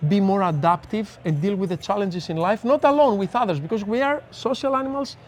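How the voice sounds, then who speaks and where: Talking a little fast in a high voice, over slight background noise, a Greek-accented neuroscientist joins a casual podcast conversation as a guest. He is earnest and reflective and uses examples to explain.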